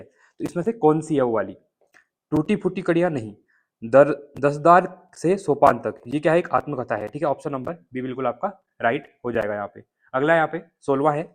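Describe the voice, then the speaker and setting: A man with a slightly high voice and an Uttarakhand Hindi accent, working through exam questions as a coaching teacher. He explains each answer step by step and keeps checking that his listeners follow.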